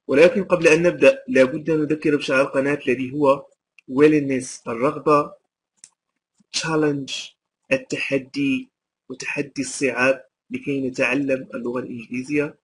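A man teaching English phrases in Arabic, repeating each one slowly and explaining it. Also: a little high, slight background noise, low-quality recording. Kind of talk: language lesson.

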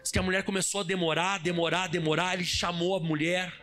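A man preaching a sermon as pastor, animated, firing rhetorical questions at the congregation and shouting for emphasis. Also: high voice, quick pace, faint music behind. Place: church service hall.

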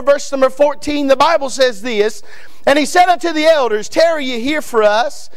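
With an extremely high pitch, a thirty-something guest preacher from Northern Kentucky thunders a Baptist sermon from the pulpit microphone of a church sanctuary. He repeats lines, builds to frequent shouting, and singles out men in the pews by name.

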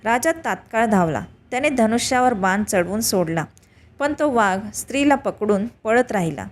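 A woman telling a devotional tale as scripted narration, reading evenly in short, measured phrases. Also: fairly high pitch, expressive, slight background noise. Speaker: storyteller.

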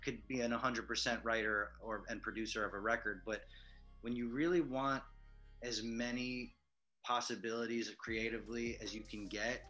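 Bright-voiced young male host. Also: medium pitch, steady tone, moderate pace, faint music behind. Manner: upbeat, direct questions, slangy. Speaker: host interviewing a collaborator. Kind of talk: casual interview on a video call.

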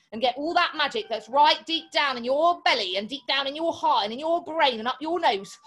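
A young woman hosts a children's show from home, clowning in a theatrical, mock-dramatic way. Her voice sits high and bright. Faint music plays quietly behind her. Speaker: children's entertainer host. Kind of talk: playful kids' show presenting.

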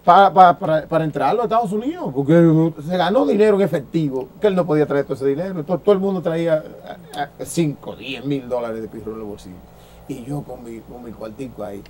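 A Dominican man in his sixties spins stories as an interview guest. He acts out the lines of the people he quotes and often restarts his sentences. His voice sits a little high and has a mellow, warm tone. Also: quick pace. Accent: Dominican Spanish. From Dominican Republic. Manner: lively storyteller who acts out quoted dialogue, with frequent restarts. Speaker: former baseball pitcher, interview guest. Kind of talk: anecdotal storytelling in an interview.

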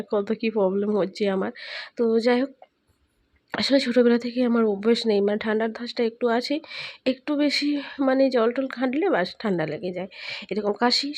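Give me a hoarse young woman, homely and rambling as she talks through her cooking. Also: a little high, darkish tone, dry recording. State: sore, hoarse throat. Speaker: cooking vlogger. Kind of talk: casual cooking voice-over.

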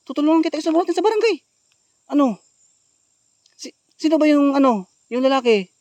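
A man vlogging as a ghost hunter outdoors in the countryside, calling out loudly to someone and then dropping to hushed asides for his viewers. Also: very high-pitched, animated, a little fast, no echo. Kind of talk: outdoor staged vlog narration.

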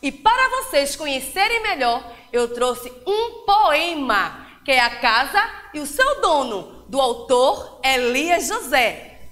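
Sing-song woman teacher, slow and bright. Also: high-pitched, big pitch swings. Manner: slow, drawn-out, sing-song delivery for young children. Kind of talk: children's reading lesson. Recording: echoey roomy hall.

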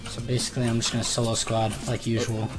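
A man's voice: mid-range voice, completely flat delivery, quick pace. A young man in casual squad game chat, cocky and joking, full of gamer slang. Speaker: squad player in an online shooter game. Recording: loud game noise and clicks.

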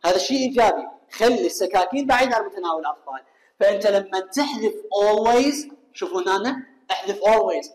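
A man with an Iraqi Arabic accent teaching an English lesson. He asks his students questions and answers them himself, and reads the English example sentences slowly and carefully. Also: high voice. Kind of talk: recorded classroom lesson. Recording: echoey room with long reverb.

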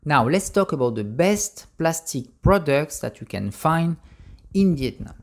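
A narrator reading a scripted voice-over in a measured way, with small grammar slips. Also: mid-range voice, sing-song.

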